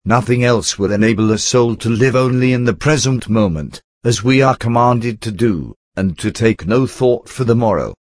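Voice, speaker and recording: A man giving a scripted devotional reading, delivering scripture in a measured, solemn way. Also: mid-range voice, no room sound. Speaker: narrator.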